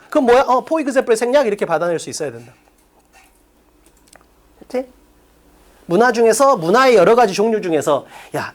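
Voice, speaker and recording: A woman lecturing an exam-prep English class, her high voice leaping up and down as she drives each point home. She peppers the room with rhetorical questions and bluntly calls students stupid, swearing freely. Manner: blunt, rapid-fire rhetorical questions, insults students with profanity. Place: academy classroom with blackboard.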